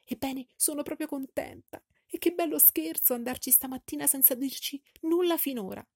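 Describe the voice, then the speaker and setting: A fussy, excitable middle-aged mother who frets and gushes, her voice pitched up high and shrill, as a woman reader puts her on. The tone stays dark and a little husky underneath. It is recorded dry and close, like a studio audiobook. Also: normal speed, no room sound. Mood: gushing. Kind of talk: audiobook character voice.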